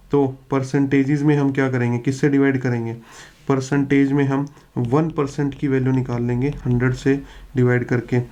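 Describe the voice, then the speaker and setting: Male lecturer, mellow voice, patient question-and-answer teaching style, drops in English terms. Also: mid-range voice. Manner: poses rhetorical questions and answers them, steady explanatory pace; mixes English technical phrases into the explanation. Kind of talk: exam-prep lecture over slides.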